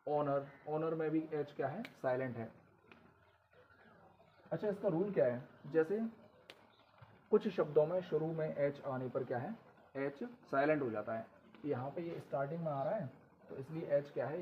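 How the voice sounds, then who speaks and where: Male teacher, patient repetitive delivery, slightly high pitch, phone-quality recording. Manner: explains slowly, repeating rules with question prompts. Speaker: English teacher. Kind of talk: classroom-style lesson. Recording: tinny phone-like audio with faint noise.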